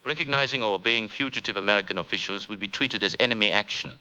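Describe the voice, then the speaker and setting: A man's voice: fairly low pitch, quick pace, bright, forceful tone, smooth, poor audio. A man voicing a cold, clipped occupation-authority announcer reading official orders over the radio. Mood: cold, commanding.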